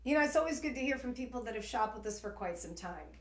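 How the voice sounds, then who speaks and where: Hosting a live shopping channel stream, a woman in her forties from New York talks quickly and animatedly in a fairly high voice with an East Coast accent. She rambles and chats, leaning heavily on fillers, and the room sounds echoey.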